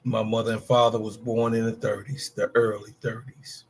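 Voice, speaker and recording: A man in his fifties co-hosts a sports talk podcast, delivering a heated rant full of emphatic, profane call-outs of players by name. His voice is fairly low and slightly rough, with little pitch movement and a moderate pace.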